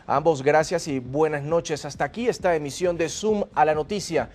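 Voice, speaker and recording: A man hosting a TV news debate, asking brisk, directive questions. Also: a little high. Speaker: news show host. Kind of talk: TV debate moderation.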